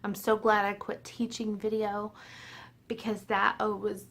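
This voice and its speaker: Chatting to her viewers from home, a slightly tipsy woman vlogger in her forties laughs often and makes fun of herself. Her mid-range voice is level in tone, a bit bright, and a little slow.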